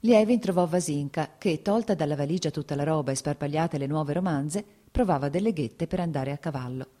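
Low, dark-voiced woman reading a novel. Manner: measured, even literary reading. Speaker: audiobook narrator. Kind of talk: scripted audiobook narration of a classic novel.

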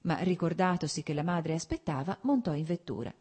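A woman narrates a classic novel in a measured, expressive audiobook reading. Her voice sits low and dark, with a husky grain. She tells the story steadily.

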